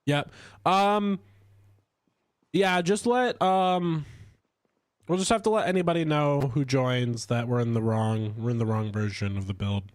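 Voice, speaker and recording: A man chatting casually while streaming a game, stuffy from a cold, rambling with lively swings in pitch. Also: unhurried, long pauses, no echo, clean studio sound. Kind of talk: casual gameplay commentary.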